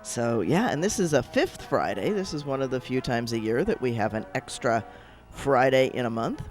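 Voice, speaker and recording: Rambling rabbi on a radio show. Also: male voice, mid-range voice, expressive, normal speed, soft background music. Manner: rambling, hesitant with many fillers. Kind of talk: casual radio chat.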